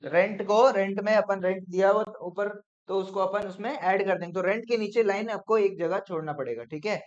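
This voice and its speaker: Brisk male commerce teacher, lo-fi. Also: high voice. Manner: brisk, coaxing, peppered with "theek hai?". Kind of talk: classroom lecture. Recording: dull lo-fi classroom recording.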